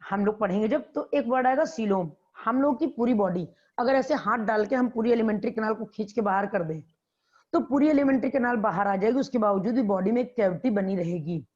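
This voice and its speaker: A woman's voice: a little high, fairly quick, darkish tone. Woman biology teacher with a dull lo-fi sound. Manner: repeats key terms and quizzes students. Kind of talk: classroom lecture. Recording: dull lo-fi classroom recording.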